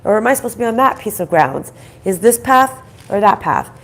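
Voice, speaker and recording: A woman with a groggy, croaky voice from a troubled throat, doing a conversational card reading in halting, repeated phrases and questions. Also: mid-range voice, big pitch swings, fairly bright tone. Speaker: spiritual card reader, host.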